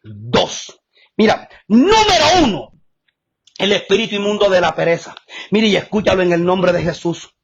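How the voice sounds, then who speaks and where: A man preaching a fiery evangelical sermon, swinging between low, hushed lines and shouted, crying-out passages with long, drawn-out hallelujahs. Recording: dull lo-fi recording with clear background noise.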